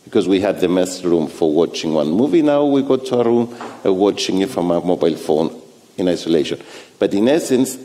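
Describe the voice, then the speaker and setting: An older man speaks on a conference panel through a headset mic, pressing his points with insistence. His voice is low and mellow, and it rings with long reverb from a large stone-walled hall. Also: animated, brisk. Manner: emphatic, insistent. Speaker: panelist, ship designer. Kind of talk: panel discussion answer.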